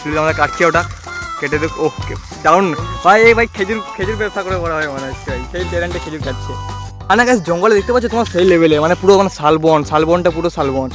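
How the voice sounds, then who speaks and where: A young man narrating an outdoor forest vlog, excitable and constantly calling out "bhai". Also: on the high side, rapid-fire. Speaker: vlogger. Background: music.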